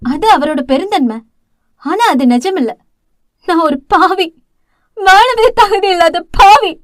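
Woman reader as a grieving older sister, tearful and self-accusing, high voice, close dry read. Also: normal speed, dry recording, close to an everyday voice. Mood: anguished. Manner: tearful, pleading, self-blaming. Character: guilt-ridden young woman, anguished elder sister.

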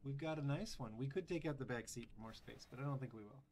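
A man's voice: medium pitch, quick pace, a little mellow, a little hiss or hum. A man hosting a gaming channel, giving casual, chatty commentary over gameplay with wry, sarcastic asides and lots of fillers.

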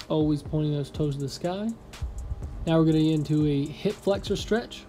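A young man vlogging casually from his apartment, talking through a stretching routine and joking while he makes a sandwich. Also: a little high. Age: young adult. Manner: relaxed, joking, easygoing. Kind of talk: casual vlog and stretching instruction. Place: small apartment room, indoors.

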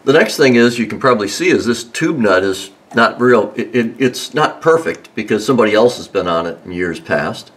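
A man casually showing how he does a car repair, relaxed and rambling, with many ums and restarts. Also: medium pitch, moderate pace, few pauses, slightly rough. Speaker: home mechanic host. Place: under a car in a garage.

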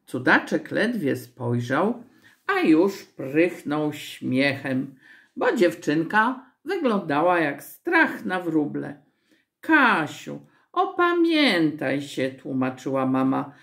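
Woman, children's story reader, expressive, low, gravelly, slow. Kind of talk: reading a children's story aloud.

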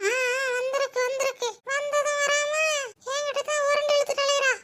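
A woman's voice: extremely high pitch, little pitch movement, fairly quick, heavy background noise. A woman voicing a boastful, gossipy village woman who scolds and wails, with a Tirunelveli Tamil accent. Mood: scolding gossip. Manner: scolding, sharp-tongued, dramatic wailing.

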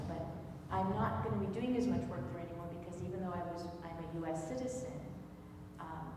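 A woman's voice: on the low side, distant mic, noisy background. A middle-aged woman giving a conversational public talk, with fillers and restarts. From Pakistan, raised in the United States. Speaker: guest speaker. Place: large wood-paneled hall, standing on stage. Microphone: far room microphone. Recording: echoey hall recorded from afar.

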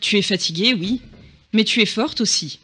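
A huge, warm-hearted male dragon speaks with coaxing concern in a storybook reading, as a man puts him on. The voice sits high and carries. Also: normal speed, breathy edge, heavily acted. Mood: gentle.

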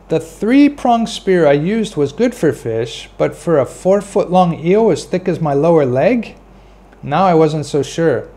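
Man, middle-aged, storytelling to camera, relaxed, slightly high pitch, earbud mic, small room. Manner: relaxed, gestures while explaining. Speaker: fishing channel host. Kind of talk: first-person storytelling to camera. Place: small indoor room, plain wall. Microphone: wired earbud mic, webcam framing.

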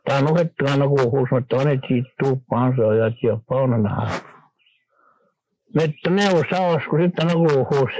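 An older man from Manitoba, Canada, a guest on a radio interview, recalling old times in a rambling, halting way with many restarts. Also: mid-range voice, darkish tone, a little hiss or hum, low-quality recording.

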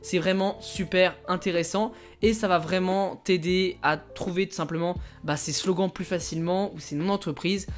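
A man hosting a casual screen-share tutorial, talking to the viewer informally and often pausing to hesitate. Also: high-pitched, steady tone, faint music behind. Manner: chatty, addresses viewer informally, frequent hesitations. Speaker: online money-making channel host.

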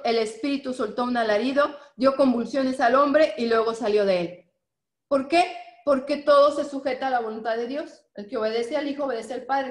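A woman's voice: high voice, reverberant. A woman teaching a Bible lesson, reading verses with emphasis and asking listeners to follow along. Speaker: preacher.

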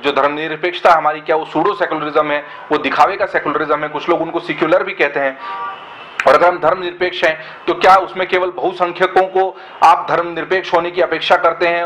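A man's voice: fairly high pitch, a bit bright, slight background noise, poor audio. A man giving earnest, argumentative commentary in a web discussion, often asking rhetorical questions.

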